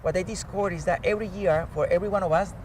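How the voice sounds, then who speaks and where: This Colombian climate change expert and professor, a native Spanish speaker with a Colombian accent, gives an animated, earnest interview explanation. His high, darkish voice runs rapid-fire with fairly even intonation. Traffic noise comes through clearly in the outdoor, distant-mic recording.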